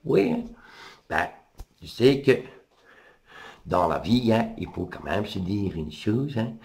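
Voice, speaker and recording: Brief: male storyteller, Brussels accent, lively up-and-down delivery, gravelly, rambling comic retelling. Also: sits low. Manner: chatty, peppered with hein, digressive. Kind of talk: comic folk-tale retelling.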